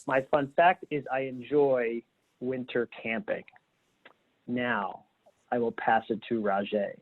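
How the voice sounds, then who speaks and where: A man hosting a video-call webinar, relaxed and upbeat, laughing easily while guiding the panel. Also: mid-range voice, takes it slowly. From Philadelphia, Pennsylvania. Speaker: webinar host. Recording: tinny phone-like call audio.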